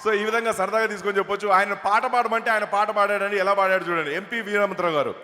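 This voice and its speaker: A mimicry artist on stage telling jokes in a chatty way, through a microphone in a large hall. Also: male voice, sits high, fairly even intonation, quick pace, pushed and bright, a little hiss or hum. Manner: chatty, jokey setups. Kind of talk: stand-up comedy on stage. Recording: long hall reverb over PA.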